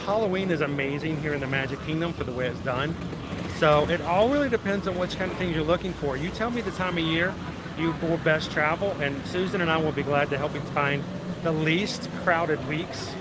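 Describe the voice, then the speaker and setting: Male livestream host, fairly high voice, chatty, casual, very noisy outdoor setting. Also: brisk. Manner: chatty, addressing viewers directly. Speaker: livestream host and travel agent. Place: outdoors in a busy theme park. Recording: loud outdoor theme park noise. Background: ride announcements, vehicles, park ambience.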